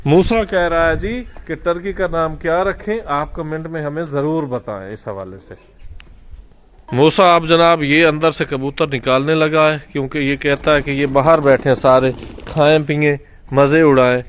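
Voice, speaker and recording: Male vlog host, casual and instructive, slightly high voice, outdoor phone recording with faint hiss. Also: normal speed. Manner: instructive, directs the boy. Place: outdoor bird enclosure.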